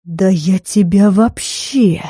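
Lady playing an angry dragon lord, hisses slow through his teeth, dry close mic. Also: medium pitch, mellow, husky, no echo. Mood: menacing. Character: cold, furious dragon lord, menacing man.

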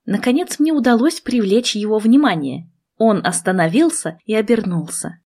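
A woman reading a first-person story aloud with playful, expressive narration. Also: medium pitch, moderate pace, husky. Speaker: audiobook reader.

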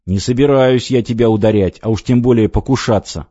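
A man reading an audiobook voices an irritable middle-aged businessman, gruff and exasperated. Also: mid-range voice, fairly quick, warm tone, dry recording, natural voice. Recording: dry, slightly dull audiobook recording.

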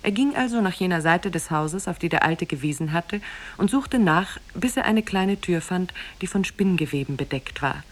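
Lady narrator, kinda low voice, calm and grave, old radio play. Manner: calm, measured storytelling, grave in tone. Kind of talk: 1950s radio drama narration.

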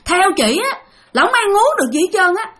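A starving spirit speaking through a possessed woman, crude and demanding in a high, shrill voice, as a woman storyteller acts it out. The carries into the ghost's rough way of talking. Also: very animated, brisk, a bit bright, full character voice. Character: hungry dead sister's spirit possessing a woman.

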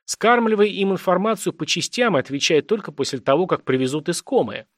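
A man's voice: high voice, lively intonation, brisk, no echo, studio quality, pitched above the performer's own voice. A man voicing a blunt, wry ex-scout. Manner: blunt, streetwise, lightly mocking. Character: ailing ex-army male scout, blunt and wry. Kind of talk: audiobook character reading.

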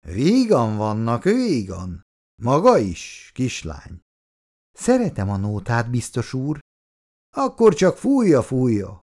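Man as a gruff policeman, officious, barking orders, lively swings in pitch, storybook reading. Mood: mock-jovial. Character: gruff male policeman, suspicious and bossy.

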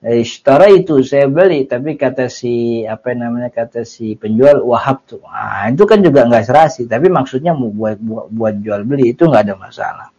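A man teaches a religious text in a relaxed, joking way. He switches between recited Arabic phrases and casual street slang and laughs softly as he talks. The recording is muffled and lo-fi. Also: medium pitch, moderate pace. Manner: explains Arabic text in colloquial Jakarta slang with chuckles. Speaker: Islamic teacher.

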